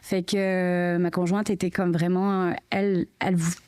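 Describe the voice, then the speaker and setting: This French woman, a mother of triplets, tells her story as a podcast guest in a casual interview, chatting along with plenty of fillers and frequent "tu sais." Her lowish voice stays level at a normal speed, sounding clean and a little mellow.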